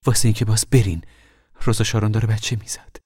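A man voicing a steady, caring mother of a poor migrant family, speaking calmly, firmly and plainly. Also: fairly low pitch, husky, no room sound, studio quality. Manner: calm, firm, plain-spoken.

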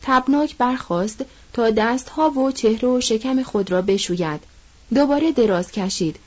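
A woman giving a measured, scripted reading of a novel as an audiobook narrator. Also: fairly high pitch. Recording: dull lo-fi recording.

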